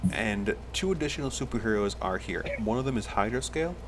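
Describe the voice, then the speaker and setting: A man's voice: medium pitch, expressive, quick pace, a little hiss or hum. A man running a tabletop game as game master, explaining rules and describing scenes at length.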